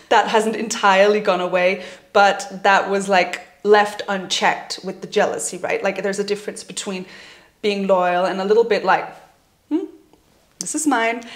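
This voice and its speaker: A woman in her twenties talking candidly and gently in a personal vlog, reflecting on her own experience and laughing now and then. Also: medium pitch. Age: 20s. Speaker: vlogger. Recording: roomy echoey room.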